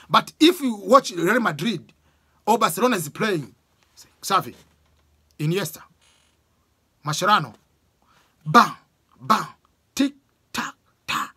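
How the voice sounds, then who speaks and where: A man in his forties from Tanzania with a Tanzanian accent, giving animated casual exam advice to a close camera in a small room. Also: high voice, slow, long pauses, husky. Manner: animated, gestures a lot, uses sports examples. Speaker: education vlogger. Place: small room with bookshelves, indoors. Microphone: camera close up, webcam framing.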